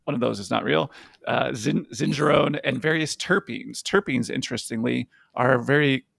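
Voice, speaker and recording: A man's voice: medium pitch, moderate pace, vocal fry, fairly bright tone, no echo. A young man co-hosting a casual podcast, explaining medical science in plain words and laughing easily. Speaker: podcast co-host, physician.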